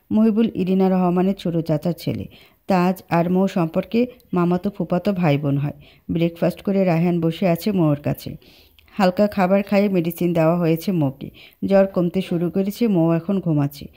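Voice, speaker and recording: Woman narrator, steady storybook reading, mellow and warm, for an audio love story. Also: fairly low pitch.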